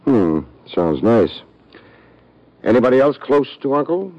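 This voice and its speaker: In a 1940s radio drama, an actor plays a wry, wisecracking hard-boiled private detective who narrates his own case. His medium-pitched voice is very animated yet unhurried. The old recording is muffled and dry, with soft music playing in the background.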